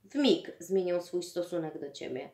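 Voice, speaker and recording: A woman reading the lines of a calm, patient older male teacher in a measured, reasoning way. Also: on the low side, roomy sound, slight background noise, natural voice.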